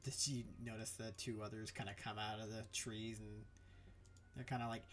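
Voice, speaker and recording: A man's voice: lowish voice, little pitch movement, moderate pace, a bit bright. A man running a tabletop game as game master, narrating in a casual, filler-heavy way.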